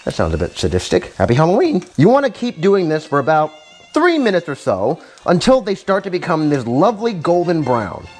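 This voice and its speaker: A man's voice: fairly high pitch, huge pitch swings, fairly quick, darkish tone. A tipsy, giggly, goofy man hosting a casual, jokey cooking lesson. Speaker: host of a drunk cooking tutorial. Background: music.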